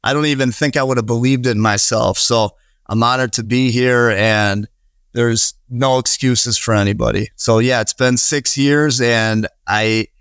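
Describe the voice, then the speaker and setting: This podcast guest, a Wisconsin real estate investor in his thirties, has a medium-pitched, steady voice that is a bit bright, clear and resonant, a little slow, in a dry recording. His casual talk is earnest but rambling, with frequent restarts and fillers.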